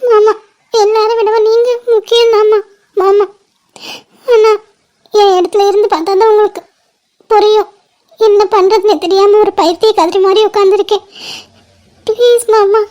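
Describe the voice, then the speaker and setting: A lovesick young woman in a homemade cartoon, voiced by a woman, pleading through tears in a very high, thin voice. Her pitch barely moves, flat and stuck up high, with a soft, dark tone rather than a sharp one. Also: moderate pace, pauses often. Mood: tearful pleading. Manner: pleading, weepy.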